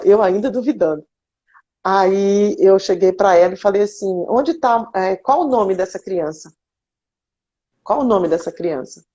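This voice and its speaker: A Brazilian woman with a Brazilian Portuguese accent tells an emotional personal testimony. She speaks in an animated way, often restarting and repeating words. Her voice is mellow, and the recording sounds dull and lo-fi. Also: medium pitch. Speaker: guest giving a testimony.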